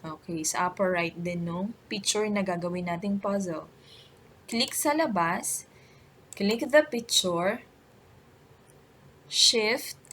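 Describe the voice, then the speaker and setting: A woman with a Filipino accent presenting a step-by-step software tutorial in an instructional way, often adding short check-in tags. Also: mid-range voice, slight background noise.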